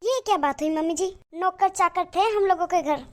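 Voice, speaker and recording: A woman's voice: very high-pitched, normal speed, a little mellow. A woman voicing a rich, boastful city daughter-in-law in a cartoon moral story, haughty and mocking.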